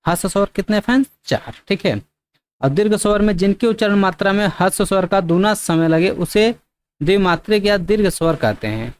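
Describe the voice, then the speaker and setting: A man's voice: sits high, dry recording. A man teaching an exam-prep grammar lesson. He often checks in with "theek", asks questions and answers them himself, and sometimes stretches words out to demonstrate them.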